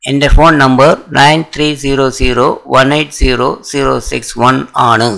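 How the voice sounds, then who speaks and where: A man with a Malayali accent teaching English, reading each sentence slowly, then giving its translation a little faster. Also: mid-range voice, fairly even intonation, vocal fry, sharp tone, low-quality recording. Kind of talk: slow sentence drill with translations.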